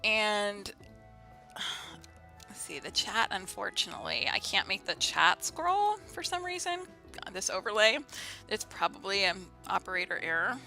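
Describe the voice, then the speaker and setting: Woman streamer chatting thru a game, bright voice, giggly n playful, some music behind her. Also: mid-range voice, sing-song, measured pace, vocal fry. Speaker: live streamer playing a video game. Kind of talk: casual livestream game commentary and chat.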